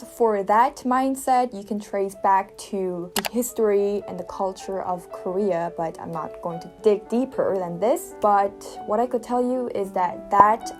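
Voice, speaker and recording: A woman's voice: mid-range voice, low-quality recording. A young woman in her twenties telling a personal story to camera in an earnest, reflective, conversational way. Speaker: vlogger. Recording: music playing behind the voice.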